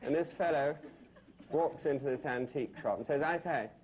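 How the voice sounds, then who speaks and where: A man's voice: mid-range voice, fairly quick, highs cut off, a little hiss or hum. A man hosting a TV cooking show in front of a live studio audience, joking and teasing the audience as he talks. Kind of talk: comic cooking show monologue.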